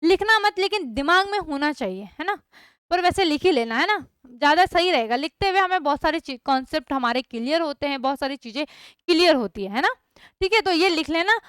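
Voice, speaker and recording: A woman's voice: high voice, animated, fairly quick, fairly bright tone, dry recording. A young woman teaching a chemistry lesson online, often asking her students questions and checking that they follow along. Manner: repeats questions to students, frequent checks like "thik hai". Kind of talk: online class lecture.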